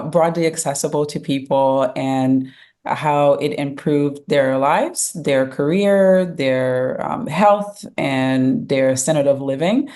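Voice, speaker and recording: Interview guest: middle-aged woman from Haiti, low voice, measured, thoughtful, lots of fillers. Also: a little mellow. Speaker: guest, fintech founder and CEO. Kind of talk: conversational interview answers.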